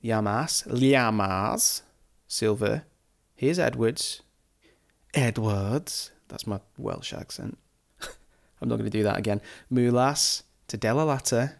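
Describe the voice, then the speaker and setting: A man giving chatty, excitable let's-play commentary over a football management game, reacting loudly to the match. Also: mid-range voice, unhurried, creaky. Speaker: gaming YouTuber.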